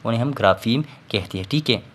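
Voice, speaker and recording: A man giving a recorded lesson, explaining slowly and checking in with the listener after each point. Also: medium pitch, expressive, a bit bright, a little hiss or hum. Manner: explains patiently, repeats "theek hai" and fillers. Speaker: teacher. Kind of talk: recorded classroom lecture.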